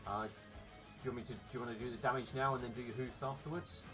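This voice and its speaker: A man's voice: medium pitch, fairly even intonation, racing. A man running a tabletop game as game master, talking casually through the rules. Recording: music clearly audible behind the voice.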